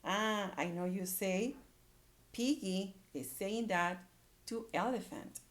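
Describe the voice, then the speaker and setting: An early-grade reading teacher with a mid-range voice leads a slow read-aloud lesson for young children. She repeats words and phrases and draws her listeners in with questions.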